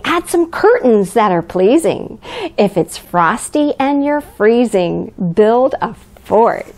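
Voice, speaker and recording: A woman's voice: high voice, darkish tone, heavily acted. A woman playing a cheerful, grandmotherly Mrs. Claus, reading a picture book aloud to young children in an exaggerated, sing-song way. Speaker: children's storyteller. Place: living room by a fireplace, indoors.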